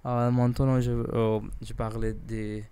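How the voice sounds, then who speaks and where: A man in a casual practice vlog, talking haltingly as a language learner, often correcting himself and apologizing. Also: mid-range voice, level tone, dark tone, clear, resonant tone. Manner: hesitant, halting, self-correcting; apologetic, self-deprecating.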